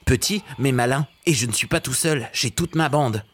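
A man voicing a small, brave and clever male weaver bird who talks excitedly, pitched above his own voice in a children's audio story. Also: normal speed, natural voice. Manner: excited, eager.

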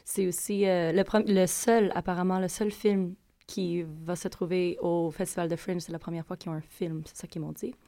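A woman's voice: fairly low pitch, little pitch movement, moderate pace, few pauses, mellow, no echo. A woman with a Quebec French accent giving casual interview answers about her work as a filmmaker.

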